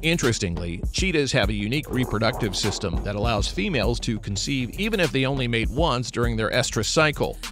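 A man's voice: mid-range voice, expressive, fairly quick, few pauses. A man narrating a scripted nature documentary. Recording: music behind the voice. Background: background music.

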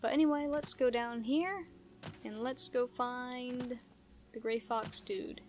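A woman's voice: on the high side, slow. A young woman giving casual, chatty, playful commentary as she plays a video game. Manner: playful, chatty, giggly asides. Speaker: gamer, let's play host. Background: game music.

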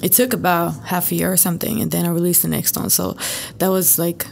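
A young woman from southern Sweden with a Swedish accent, a podcast guest talking casually with relaxed hesitations, on a studio microphone. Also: lowish voice, fast talker, creaky, a little hiss or hum. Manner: relaxed, hesitant with many fillers. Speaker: guest musician. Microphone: studio condenser mic on boom arm.

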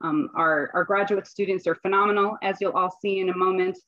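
A woman's voice: mid-range voice, fairly even intonation, brisk, fairly bright tone, no echo, highs cut off. A woman and assistant dean hosting an online event in a chatty way, with fillers and restarts, over a video call.

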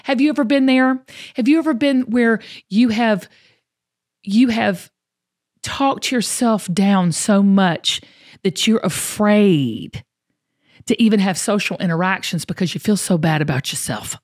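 A mid-range, darkish female voice, a touch slow, belongs to the host of a motivational podcast. She talks with a Southern US accent, emphatic and folksy, and leans on repetition to press her points home.

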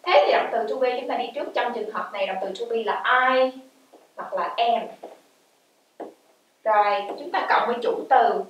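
A woman teaching an English grammar lesson in a lively way, asking the class questions and answering them herself, and reading her English examples out slowly and clearly. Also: a little high, dull audio, slight background noise. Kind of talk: explaining grammar in a video lesson. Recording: very echoey room, voice from a distance.

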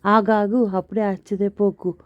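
A woman reads a young man teasing his younger sister, in a plain middle-pitched voice. The audio is tinny and phone-like. It is completely dry. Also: little pitch movement, moderate pace, no room sound, close to an everyday voice.

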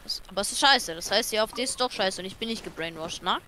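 A woman's voice: medium pitch, fast, bright, forceful tone, a little hiss or hum. A woman in a casual chat on a stream call, blunt and slangy as she pushes back.

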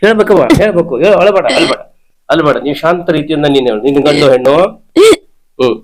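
A man's voice: a little high, lively intonation, quick pace, rough recording. A man, a spirit healer who keeps repeating short, insistent questions and commands. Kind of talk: ritual interrogation.

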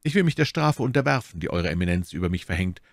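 A man voicing a bold young male musketeer in an audiobook, speaking with a steady, respectful composure. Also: low voice, fast, vocal fry, no room sound, studio quality, heavily acted. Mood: calm, defiant. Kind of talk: audiobook character voice.

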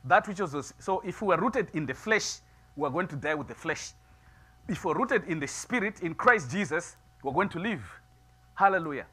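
A middle-aged man preaching a sermon in a small church, moving from quiet musing to loud, emphatic preaching. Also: fairly high pitch, expressive, normal speed, breathy edge. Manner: builds from soft musing to loud preaching, gestures widely. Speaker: pastor. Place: small church sanctuary, seated before altar flowers.

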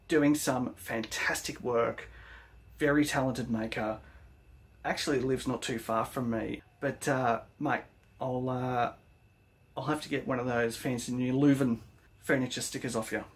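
Brief: Aussie bloke vlogging about his workshop, mid-pitched, keen and matey. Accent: Australian. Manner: enthusiastic, slangy praise for fellow makers. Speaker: woodworking vlogger. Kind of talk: casual vlog narration.

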